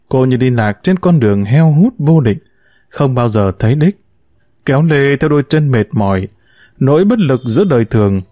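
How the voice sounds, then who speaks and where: A man reading a literary story aloud in measured, scripted narration. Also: medium pitch, dark tone, no echo, studio quality.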